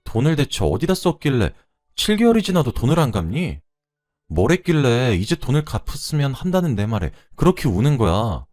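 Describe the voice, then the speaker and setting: A man's voice: medium pitch, sing-song, fairly quick, darkish tone, faint music behind, voice pushed up, natural voice. A man voicing a blunt young woman who questions her friend pointedly. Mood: confronting.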